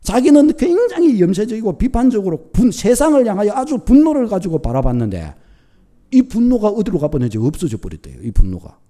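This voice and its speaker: Animated pastor preaching. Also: male voice, high-pitched, brisk. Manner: animated storytelling, acting out quoted thoughts. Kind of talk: sermon.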